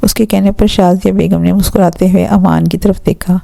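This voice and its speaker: A woman narrating a romantic novel in a steady, even storytelling manner. Her voice is warm and mellow with a gravelly grain. The recording is dry and close, with no room sound. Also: fairly low pitch, no room sound. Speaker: audiobook narrator.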